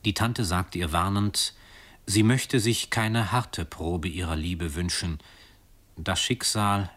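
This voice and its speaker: A man reading a literary story aloud in a calm, expressive way with soft, hushed passages. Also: low-pitched, takes it slowly. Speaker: reader.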